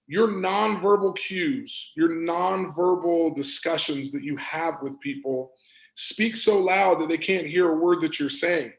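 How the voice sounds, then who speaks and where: Emphatic male performance coach, gravelly, somewhat high voice, echoey room. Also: measured pace. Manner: energetic, emphatic, repeats words for stress. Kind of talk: motivational presentation.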